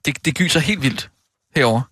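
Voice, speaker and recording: A man's voice: a little high, expressive, a bit bright, slightly rough, dry recording, clean studio sound. A man co-hosting a radio show, chatting casually with hesitant, stumbling restarts. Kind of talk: casual chat.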